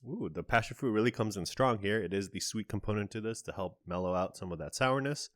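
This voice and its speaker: A man's voice: fairly low pitch, fast, no echo, studio quality. A man hosting a casual on-camera candy review, chatty and describing each flavor in detail with small asides. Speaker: candy reviewer, channel host.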